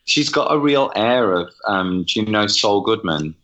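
A man chatting on a podcast in a measured, matter-of-fact way. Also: fairly low pitch, animated, fairly bright tone. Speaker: podcast panelist. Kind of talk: casual chat.

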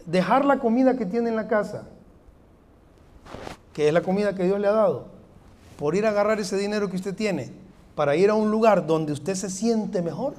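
A man's voice: high-pitched, normal speed, long pauses, a little mellow. A man in his forties with a Salvadoran accent, preaching a sermon with humor and many rhetorical questions. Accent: Salvadoran Spanish. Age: 40s. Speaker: pastor.

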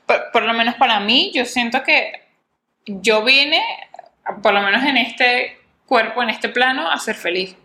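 A young woman talking in a casual chat as a podcast co-host, telling her stories in an animated way and acting out the voices she quotes. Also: on the high side, unhurried. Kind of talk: casual conversation. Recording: echoey room.

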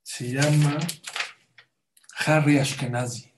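A man's voice: mid-range voice, fairly even intonation, slow pace, noisy background. A man teaching a religious class, telling a story conversationally and addressing the audience directly.

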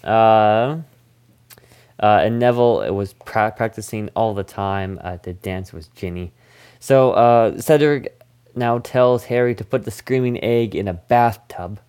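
A man's voice: fairly low pitch, measured pace, a little mellow, clear, resonant tone. A man hosting a casual movie review podcast, recapping the plot in a goofy, rambling way. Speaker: podcast host.

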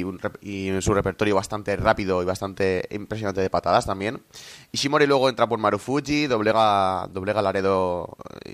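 A man's voice: on the low side, fairly bright tone. A man recapping wrestling matches as a commentator, in an informal, conversational way that often gropes for words.

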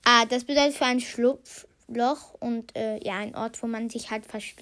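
Woman podcast host, high-pitched and slow, casual book commentary full of fillers. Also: steady tone, fairly bright tone. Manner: thinking aloud with many fillers and restarts; reads short passages aloud, then comments on them.

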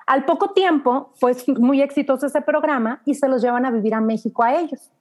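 A woman's voice: high-pitched, brisk. A woman with a Mexican accent, a radio announcer, telling her story in a casual interview and acting out the dialogue she quotes. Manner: lively anecdotal, acts out quoted dialogue.

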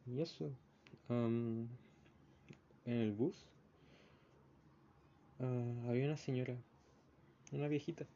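A man's voice: mid-range voice, steady tone, slow pace, pauses often, mellow. Young Chilean man telling a rambling story. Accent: Chilean Spanish. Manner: rambling storyteller, acts out the voices in his anecdotes. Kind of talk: casual spoken diary. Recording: slightly muffled with faint background noise.

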